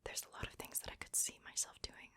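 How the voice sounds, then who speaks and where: A woman's voice: quick pace, bright, forceful tone, no room sound. A woman whispering breathily, very close to the ear, in a casual ASMR chat. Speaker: ASMR video maker. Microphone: very close to the mic, ear to ear.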